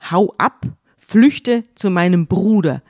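A woman's voice: on the low side, slow pace, darkish tone, dry recording, studio quality. A woman voicing an urgent, scheming mother. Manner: urgent, insistent.

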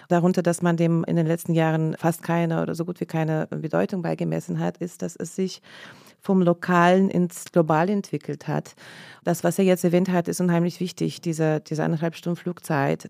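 A journalist in her forties, born in Leningrad in the Soviet Union with Russian as her first language, earnestly tells her story as a guest on a podcast interview in a studio. Her voice is low-pitched, creaky and warm, with no echo.

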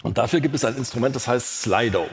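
A man from Lower Saxony co-hosting a live podcast on stage, dry and playful as he runs the show. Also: fast talker, gravelly. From Lower Saxony, Germany. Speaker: podcast co-host. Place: large concert hall before an audience. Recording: hall reverb with faint noise.

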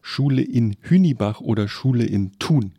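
A man hosting a podcast, firing quick either-or questions at a guest in a playful, brisk way. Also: medium pitch, lively intonation, warm tone, slightly rough, no room sound, clean studio sound. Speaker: podcast host.

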